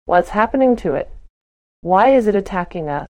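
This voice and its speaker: A woman voicing an earnest, protective young elf druid woman in a soft, measured way. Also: medium pitch, animated, no echo, close to an everyday voice. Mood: urgent.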